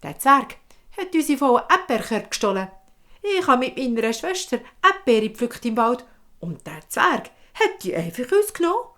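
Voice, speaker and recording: A woman's voice: on the high side, big pitch swings, moderate pace, fairly bright tone. Woman playing an earnest young boy. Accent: Swiss German. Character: brave young boy picking strawberries.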